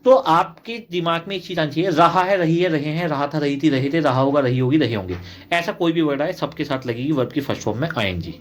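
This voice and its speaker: A man's voice: fairly high pitch, fast. Indian man teaching a grammar lesson. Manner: explains patiently, repeats example sentences, calls students "beta". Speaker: English teacher.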